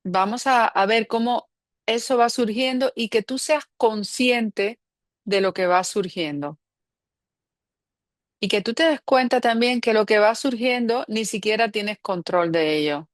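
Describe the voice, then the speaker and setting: A woman's voice: fairly high pitch, unhurried, no echo. A woman leading a spiritual group session, talking in a reflective, playful way and laughing often. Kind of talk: guiding a group meditation talk.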